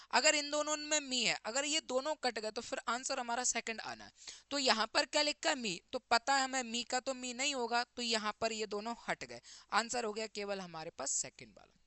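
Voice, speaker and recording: Guy teaching grammar for exam prep, bright voice, dry close sound, keeps quizzing himself. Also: very high-pitched, clean tone, no echo. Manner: asks quick questions and answers them himself; mixes English grammar terms into his talk.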